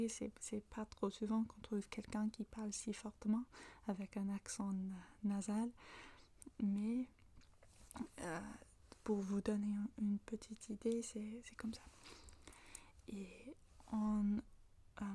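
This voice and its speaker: Woman, English accent, native English speaker, whispered ASMR lesson, breathy, mellow, halting. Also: mid-range voice. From Manchester, England. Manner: slow, halting, searching for French words. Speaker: ASMR language teacher.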